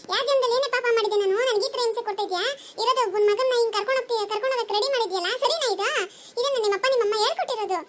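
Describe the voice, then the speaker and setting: A woman's voice: very high-pitched, heavy background noise. A woman voicing an aging mother in a cartoon story, emotional and pleading, who scolds her daughter-in-law. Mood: scolding. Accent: Kannada. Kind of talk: cartoon dubbing.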